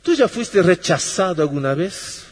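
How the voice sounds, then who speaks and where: A man preaching a sermon slowly, with long pauses, sinking low and soft and then lifting his voice. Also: sing-song, slightly rough. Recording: long reverb of a hall.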